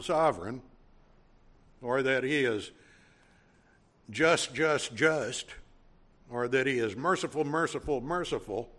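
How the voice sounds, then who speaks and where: A Cajun man delivers a sermon at an unhurried pace. His voice sits at a middle pitch, and he builds emphasis by repeating words in a calm, teaching manner. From Louisiana. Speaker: preacher.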